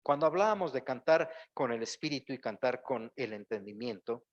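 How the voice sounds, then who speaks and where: A man's voice: medium pitch, animated, moderate pace, highs cut off. A man, a pastor preaching a sermon in a church and calling out to the congregation. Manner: preaching with rising exclamations and acted-out quotes. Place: church sanctuary.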